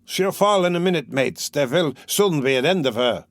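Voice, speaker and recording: A man's voice: on the high side, lively intonation, moderate pace, dry recording, clean studio sound. A man voicing an admiring, drunken male spectator in a crowd, in an audiobook. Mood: eager.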